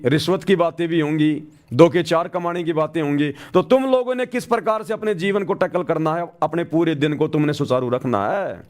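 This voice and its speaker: Earnest man preaching a sermon. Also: fairly high pitch. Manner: earnest, acts out quoted people. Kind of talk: devotional sermon.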